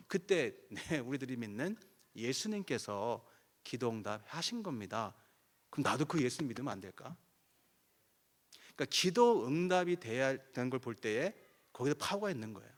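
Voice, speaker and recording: A man's voice: medium pitch, sing-song, moderate pace. A man preaching as a guest pastor at a revival meeting, telling stories and acting out both sides of the conversations. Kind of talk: sermon with acted prayer dialogue.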